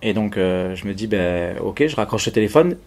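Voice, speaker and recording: A man's voice: on the low side, animated, normal speed, darkish tone. A man recounting a personal ordeal in casual, colloquial speech, with frequent hesitations and stammered repeats. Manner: colloquial, peppers phrases with "et tout". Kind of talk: casual spoken testimony.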